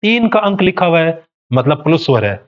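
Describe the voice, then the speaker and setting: A man's voice: fairly high pitch, big pitch swings, brisk, highs cut off. A male teacher giving an exam coaching lecture, explaining step by step and posing rhetorical questions to students.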